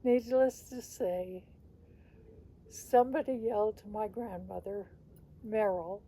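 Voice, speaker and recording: Sweet old lady with a dark, mellow voice. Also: medium pitch, fairly even intonation, slow. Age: older. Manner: chuckles often while talking. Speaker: grandmother telling family stories. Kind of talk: casual reminiscence.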